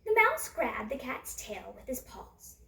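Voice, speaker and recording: A woman reading a classic fairytale aloud in a lively sing-song way, then chatting warmly to children. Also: a little high, unhurried, creaky. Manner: animated, sing-song storybook delivery; chatty, addresses children directly. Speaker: storyteller. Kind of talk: reading a picture book aloud. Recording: roomy echo, a distance from the mic.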